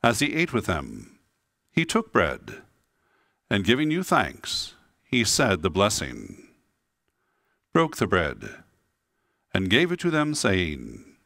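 A man leading the prayers of the Mass as a priest, in a solemn, measured, intoning delivery. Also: lowish voice, wildly swooping pitch, creaky, a bit bright, no room sound, clean studio sound.

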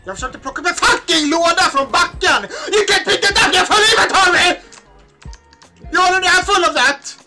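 A man's voice: extremely high pitch, animated, brisk, sharp tone, faint music behind. A man raging at a game, screaming in furious gamer outbursts.

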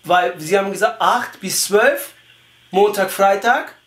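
On a prank phone call, a young man puts on a Turkish accent to play a naive, persistent Turkish immigrant, speaking haltingly and ungrammatically and repeating himself. His voice is high and a bit bright, and the phone sits on speaker in a small, echoey room indoors.

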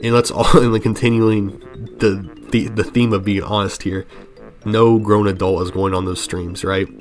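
A man's voice: fairly low pitch, level tone, normal speed. A young man giving earnest opinion commentary over gameplay, rambling with frequent restarts. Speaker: gaming commentary channel host. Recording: voice-over with faint music underneath.

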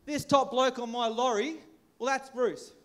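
A man's voice: very high-pitched, steady tone, a little slow, background noise. An Australian man putting on an over-the-top ocker bloke who is brash and slang-heavy, talking in thick exaggerated slang. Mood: boisterous.

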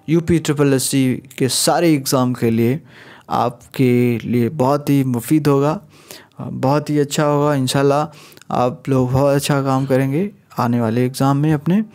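Slow, patient Hindi teacher, a man. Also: mid-range voice, darkish tone. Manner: slow, patient explaining with repeated phrases. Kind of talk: exam-prep lesson.

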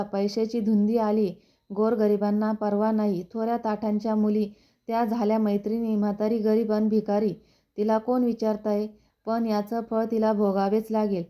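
A woman voicing a poor old woman who scolds in a slow, reproachful way. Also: fairly high pitch, warm tone, lightly acted.

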